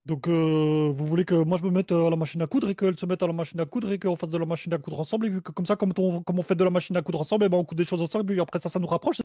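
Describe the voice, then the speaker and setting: A man improviser in casual, playful banter, with halting and repetitive phrasing. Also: fairly high pitch, steady tone, mellow, no room sound, studio quality. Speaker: improviser on a comedy show.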